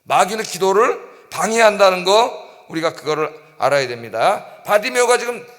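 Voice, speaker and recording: A man's voice: sits high, animated, moderate pace, fairly bright tone. A middle-aged male pastor preaching an emphatic dawn-service sermon, often prompting the congregation and crying out quoted pleas. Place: church sanctuary. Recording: long church reverb.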